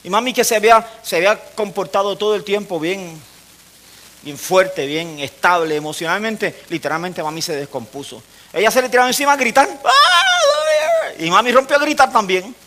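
High, bright-voiced man preaching. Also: fairly quick. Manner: storytelling, often dropping low and soft for emphasis. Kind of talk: sermon with a personal story.

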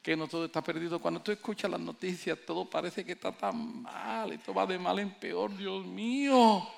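Male pastor, passionate sermon delivery, slightly high, gravelly tone. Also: fairly even intonation, brisk. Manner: impassioned preaching, rising to near shouts; acts out quoted voices in storytelling.

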